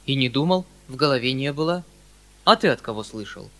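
A man voicing a kindly, flustered older landowner who talks in a fussy, hurried, excitable way. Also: medium pitch. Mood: flustered eager.

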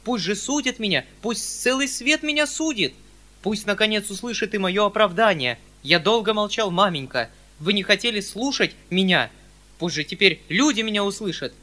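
Flustered, pleading landowner uncle, high and bright, declaiming, read by a male narrator. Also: expressive, normal speed.

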